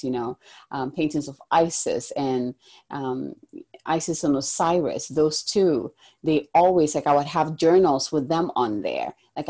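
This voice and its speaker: A woman's voice: sits low, mellow. A woman from Ghana speaking reflectively in a casual spiritual conversation, with many fillers.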